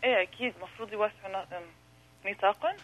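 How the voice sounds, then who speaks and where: Bright, rapid Levantine woman on noisy phone. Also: mid-range voice. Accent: Levantine Arabic. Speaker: phone-in caller. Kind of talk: casual phone conversation. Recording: faintly noisy phone line.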